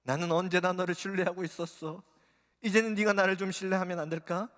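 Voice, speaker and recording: A male pastor voicing Jesus as a gentle, pleading, loving father in a sermon. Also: sits high, fairly even intonation, quick pace. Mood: tender. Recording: long reverb of a church hall.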